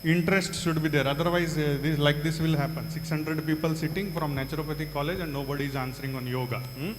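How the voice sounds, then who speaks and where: A man's voice: fairly high pitch, steady tone, fast. A man with a South Indian accent teaching a large class, repeating answers and prompting students with short questions. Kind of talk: interactive classroom lecture to a large group. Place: large hall. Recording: echoey hall, reverberant, faint hum.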